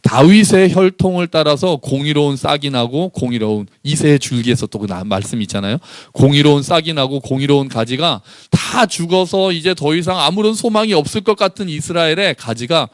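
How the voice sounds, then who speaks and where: A male pastor giving a sermon, asking his congregation questions and slowing down to read scripture aloud together with them. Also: fairly high pitch, no echo.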